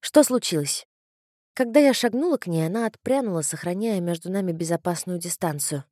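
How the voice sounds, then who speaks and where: A woman's voice: on the low side, warm tone, dry recording, studio quality. Woman reading a first-person novel. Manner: measured first-person storytelling. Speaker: audiobook narrator. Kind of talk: scripted narration.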